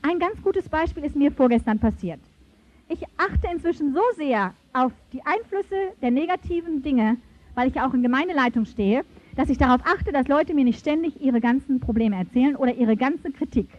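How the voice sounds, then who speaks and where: Woman, preacher, high voice, animated emphatic sermon, dull lo-fi recording. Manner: animated, emphatic preaching with dramatic pitch swings.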